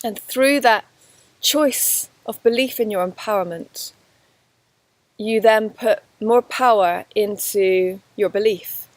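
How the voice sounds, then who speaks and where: A woman's voice: medium pitch, slow, no room sound. A woman giving a spiritual course lesson outdoors in a forest, talking earnestly to the camera in a flowing way with frequent restarts. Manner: earnest, flowing, with many restarts and soft laughs. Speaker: spiritual teacher. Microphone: camera facing the speaker.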